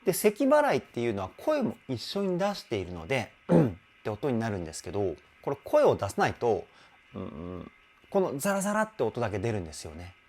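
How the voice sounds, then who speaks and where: A man's voice: mid-range voice, wildly swooping pitch, fast, few pauses, a little mellow. A man working as a vocal coach, giving enthusiastic commentary that analyses a song's vocals and demonstrating sounds with his own voice.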